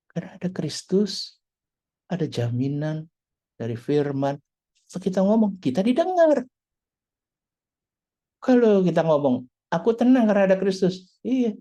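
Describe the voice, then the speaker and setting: A woman's voice: sits low, dark tone. A woman teaching a church leadership class, acting out quoted dialogue with animation and dropping English words into her talk.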